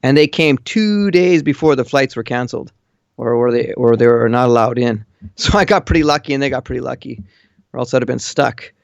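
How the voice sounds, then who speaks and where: The caller, a man living in Japan, speaks briskly in a mid-range voice with vocal fry, sharing matter-of-fact, blunt views in a casual chat over an online voice call. The recording is dry but muffled and lo-fi.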